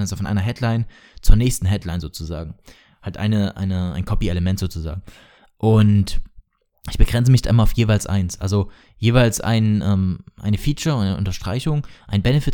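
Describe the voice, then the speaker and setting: A man's voice: fairly low pitch, dark tone. A man hosting a casual solo podcast lesson, chatty and often correcting himself as he explains things. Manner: chatty, self-correcting, peppered with English marketing terms. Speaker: podcast host teaching sales copywriting.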